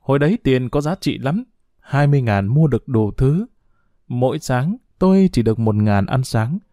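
A man tells a first-person story in a wry, self-mocking voice. His pitch is ordinary for a man. The recording is dry and close, with no room sound. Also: expressive, moderate pace, warm tone, no echo.

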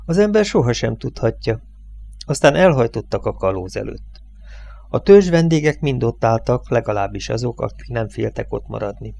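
A man narrating a novel as an audiobook, reading in a measured, steady way. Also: mid-range voice, gravelly. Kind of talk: scripted narration.

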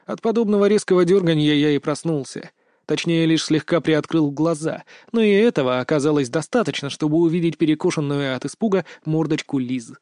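A man's voice: fairly high pitch, brisk, dark tone, no echo, studio quality. A man narrating first-person fiction as an audiobook reader, in a wry, smug manner.

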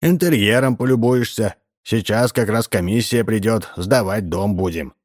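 A man's voice: fairly low pitch, moderate pace, darkish tone, no room sound, clean studio sound, lightly acted. A man voicing a sly, pushy middle-aged building manager in a read-aloud story. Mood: scheming. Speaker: building contractor.

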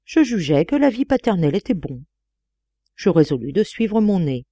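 A woman narrating a literary audiobook in a deliberate, expressive reading. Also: on the low side, no echo. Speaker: audiobook reader.

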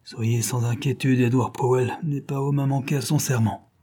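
A man's voice: medium pitch, steady tone, moderate pace, warm tone, pitched above the performer's own voice, lightly acted. A man voicing a detective in disguise who pretends to be beaten and resigned, in a storybook reading. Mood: dejected. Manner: subdued, resigned. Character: male detective feigning dejection.

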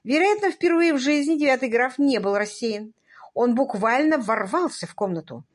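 A woman narrating a comic novel as an audiobook in a lively, playful manner, voicing the characters. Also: high voice, moderate pace. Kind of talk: scripted narration with voiced characters.

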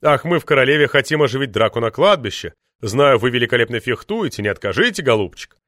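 A man reading an audiobook, voicing a brash stuntman actor who talks loudly and hammily. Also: mid-range voice, animated, quick pace, dry recording, clean studio sound, lightly acted. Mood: mocking. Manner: loud and hammy.

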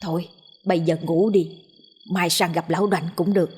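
A woman voicing a practical village wife who talks in a hushed, scolding, reassuring way. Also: fairly low pitch, steady tone, normal speed, slightly rough. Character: practical village wife, soothing but firm.

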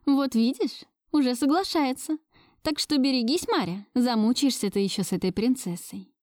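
A gentle young woman, played by the woman reading coos and whispers softly. She sounds wistful and affectionate, with a mellow tone in a dry, close recording. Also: high voice, normal speed, no room sound, voice pushed up, natural voice. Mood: playful, knowing. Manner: soft cooing, breathy whispers.

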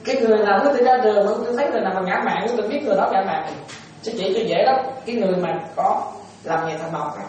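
A man's voice: sits high, racing, a little mellow, slight background noise. A man, a Buddhist monk, giving a dharma talk to lay followers, asking them questions and acting out small everyday exchanges. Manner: asks the audience questions, plays out little dialogues. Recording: echoey room, voice far from the mic.

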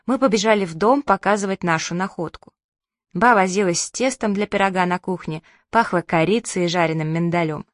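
A woman narrating a children's story as an audiobook in a lively storytelling manner. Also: fairly low pitch, fairly quick, no room sound, clean studio sound. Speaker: audiobook reader.

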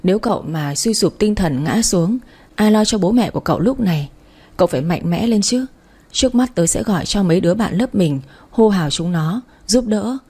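A woman voicing a caring young female university friend who urges and reassures in a practical way, in a storybook reading, with a husky voice. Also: medium pitch, animated, brisk, a little mellow. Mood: urging.

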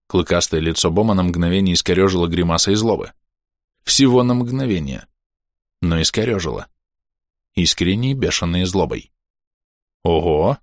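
A man's voice: deep voice, animated, normal speed, no room sound, studio quality. A man narrating a first-person fantasy audiobook in a colloquial, wry manner.

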